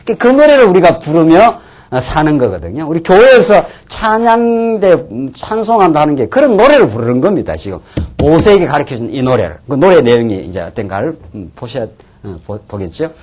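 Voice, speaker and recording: A man preaching a Bible lecture as a pastor, animated, sometimes dropping to a near-whisper for emphasis. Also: fairly high pitch, fairly quick. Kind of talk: sermon-style Bible lecture.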